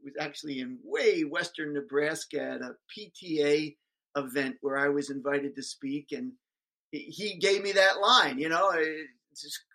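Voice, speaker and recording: A speaker in their seventies, a guest on an interview, telling stories in an emphatic speechmaker's rhythm with sudden loud rises and slow, stressed words. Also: medium pitch, rough recording. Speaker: guest speaker on public schools. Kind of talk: animated interview storytelling.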